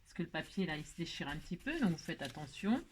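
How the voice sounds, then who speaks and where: A woman's voice: low voice, very animated, fast, slight background noise. A woman hosting a crafting tutorial, talking casually step by step, self-mocking and checking in with the viewer often. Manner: chatty, self-mocking, asks "hein?" and "d'accord?" often.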